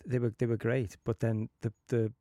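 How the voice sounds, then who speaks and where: A man's voice: mid-range voice, little pitch movement, normal speed, mellow, dry recording, studio quality. A man hosting a podcast in casual chat, easygoing, with many fillers and agreeing "yeah"s. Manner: easygoing, lots of "you know" and "yeah". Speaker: podcast host.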